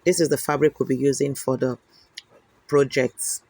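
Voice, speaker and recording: A man's voice: mid-range voice, level tone, moderate pace, dark tone, slightly rough, no room sound. A man explaining how to cut and notch fabric pieces in a sewing tutorial. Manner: instructive, checks in with "okay?". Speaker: sewing instructor.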